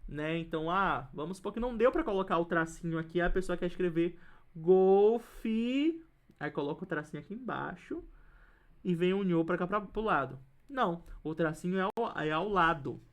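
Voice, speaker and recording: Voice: mid-range voice, brisk, fairly bright tone. Patient Brazilian essay-writing teacher. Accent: Brazilian Portuguese. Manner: patient, repeats examples, checks understanding with "né?" and "ok?". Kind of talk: online lesson, explaining while writing.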